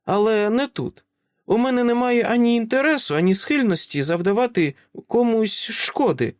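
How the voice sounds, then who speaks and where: A man voicing a serious seven-year-old girl with a slight British accent, calm and composed in audiobook narration. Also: very high voice, moderate pace, smooth, no room sound, voice pushed up. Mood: calm earnest.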